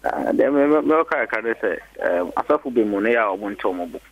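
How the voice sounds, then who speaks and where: A man's voice: lowish voice, lively intonation, fairly quick, breathy edge. A man with a Ghanaian accent calling in to a show, hesitant and full of ums as he makes his point. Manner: hesitant, many ums, mixes Twi and English. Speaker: caller. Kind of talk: phone-in chat. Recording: dull dry phone line.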